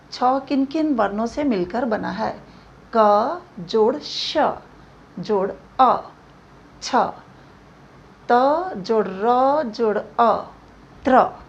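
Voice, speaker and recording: Slow, careful woman teaching a lesson. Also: fairly high pitch, creaky, a little hiss or hum. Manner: slow, deliberate, spells out examples. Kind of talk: classroom grammar lesson. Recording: dull lo-fi recording.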